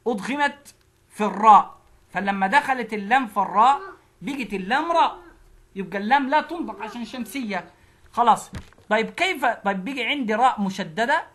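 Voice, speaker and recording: A woman's voice: fairly high pitch, a bit bright. Egyptian woman teacher drilling syllables. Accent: Egyptian Arabic. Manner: slow, repeats syllables one at a time. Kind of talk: phonics lesson drilling syllables.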